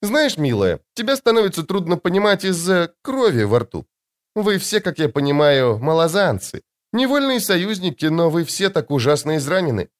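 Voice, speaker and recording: Man doing a vain airy woman, high lilting voice, sing-song, self-satisfied, audiobook. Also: big pitch swings, normal speed. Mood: airy, coy. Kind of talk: audiobook narration.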